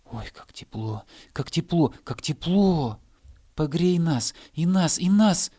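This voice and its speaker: A man voicing a chorus of tiny shivering grass blades that plead in high, loud, eager calls, with a husky edge. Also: measured pace, natural voice.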